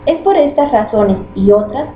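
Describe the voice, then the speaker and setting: A woman reading a grammar lesson aloud in an even, explanatory way. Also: fairly high pitch, normal speed. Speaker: student presenter. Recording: muffled lo-fi recording with faint noise.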